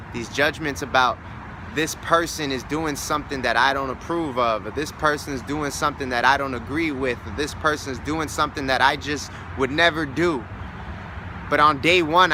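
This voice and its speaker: A man's voice: fairly high pitch, bright, forceful tone, a little hiss or hum, poor audio. A man hosting a motivational spiritual talk, earnest and reflective, repeating key words for emphasis, recorded outdoors near a street. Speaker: host of a self-help challenge series.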